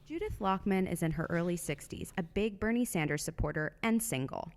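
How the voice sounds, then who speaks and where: Woman reporter w/ lowish voice narrating a news piece, understated. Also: expressive, a little fast. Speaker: radio reporter.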